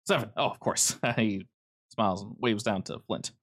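A man voicing an excitable young man who stammers and rushes through his words at a reunion. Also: fairly low pitch. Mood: relieved.

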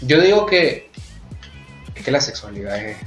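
Hosting a relaxed, candid conversation, this Venezuelan-accented man recounts his stories openly and with real energy. His medium-pitched voice is very animated yet measured in pace and a bit bright, though the audio sounds dull. Faint music plays in an echoey room.

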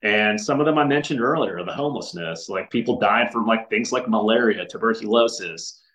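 A man with a fairly low voice speaks as a podcast guest. He talks earnestly and conversationally, stumbling through restarts and leaning on filler words as he makes his points. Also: brisk, fairly bright tone, poor audio. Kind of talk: casual interview conversation.

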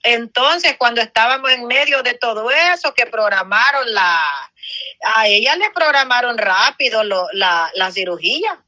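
A church member, a woman, gives her personal faith testimony as an earnest story, acting out what other people said through quoted dialogue. Her voice is a little high, animated and bright, with a forceful tone and an unhurried pace.

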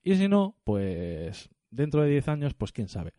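A man co-hosting a podcast in a relaxed, agreeable way. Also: mid-range voice, measured pace, dry recording, studio quality. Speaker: podcast co-host. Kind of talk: casual podcast chat. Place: home, over a Skype call.

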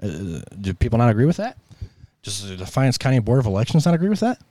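This American political commentary host, suffering a sore throat with coughs and throat clearing, rants through an opinionated monologue in an emphatic, exasperated, colloquial style. His medium voice is warm, quick and full of big pitch swings, recorded with no echo.

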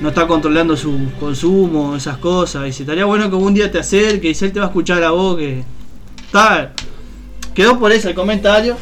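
This is casual radio storytelling from a Uruguayan man who co-hosts the show. He speaks briskly in a high, somewhat bright voice over soft background music, wandering through a personal anecdote with many fillers and restarts.

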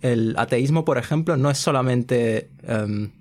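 A man's voice: medium pitch, a little slow. A young man hosting a podcast, talking earnestly in laid-back slang. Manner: earnest, laid-back slang, frequent "¿sabes?" and English fillers. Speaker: podcast host. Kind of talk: casual chat.

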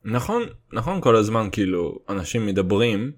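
A man's voice: fairly low pitch, big pitch swings. A young man with a Russian accent in his Hebrew, rambling casually and comedically in crude slang, swearing and dropping in English words. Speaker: solo host.

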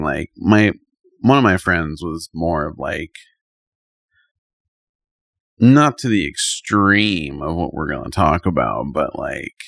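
A man with a very deep voice talks in a relaxed, rambling way, full of fillers, as a podcast co-host. The recording is dry and close-miked. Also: gravelly, dry recording. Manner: relaxed, laid-back, rambling with many fillers. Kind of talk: casual podcast chat.

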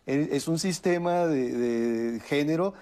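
A man speaks in a mellow, warm tone, pitched a little higher than most men. He talks thoughtfully, pausing on fillers and restarting phrases as he explains. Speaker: guest speaker on a family talk show. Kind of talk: conversational explanation.

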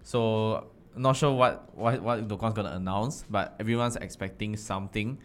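A man with a Singaporean accent explaining things casually and a little haltingly, ending phrases with "lah". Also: fairly low pitch, fairly even intonation. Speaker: panelist.

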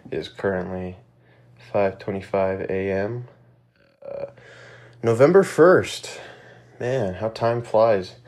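A young man talks alone on his own podcast in a lowish voice, his nose stuffed up and his breath still a little short. He rambles in a reflective, loose way, full of fillers and the odd casual swear word. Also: slow, pauses often, darkish tone. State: slightly out of breath. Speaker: podcast host. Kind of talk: casual solo podcast monologue.

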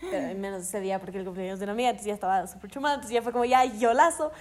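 A woman's voice: mid-range voice, very fast, a little mellow. A young woman, co-hosting a casual chat and telling stories animatedly, acting out quoted lines. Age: young adult. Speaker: podcast co-host.

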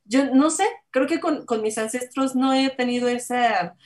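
A woman's voice: high-pitched, normal speed, a little mellow. A woman, co-hosting a casual chat, talking in a chatty way with many fillers and reading out viewer comments. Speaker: co-host.

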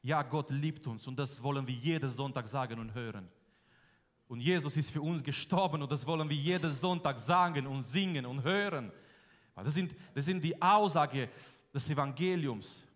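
A man's voice: medium pitch, normal speed. Guy preaching in a big echoey church hall, hammers words again and again. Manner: emphatic, repeats key phrases, swings between loud and soft. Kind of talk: sermon. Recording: long hall reverb.

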